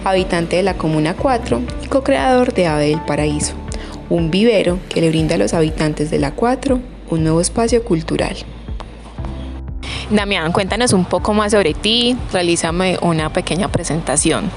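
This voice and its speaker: A woman's voice: on the low side, expressive, normal speed, over music. A woman hosting a community radio interview, asking friendly, prompting questions.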